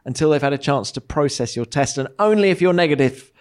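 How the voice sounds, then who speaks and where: Chatty co-host, man, higher voice. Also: lively intonation, fast talker, darkish tone. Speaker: podcast co-host. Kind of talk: sports podcast chat.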